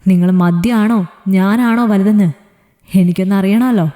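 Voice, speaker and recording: A woman's voice: medium pitch, normal speed, mellow, close to an everyday voice. A woman storyteller voicing a strict young woman who scolds and teases her fiancé. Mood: scolding. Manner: scolding, teasing. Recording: reverberant echoey room.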